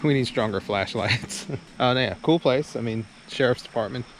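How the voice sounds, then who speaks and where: Recorded roughly outdoors at a campsite, with background noise, a channel host narrates a casual camping vlog. He talks at a moderate pace in a mid-range voice, rambling and hesitant while chuckling easily.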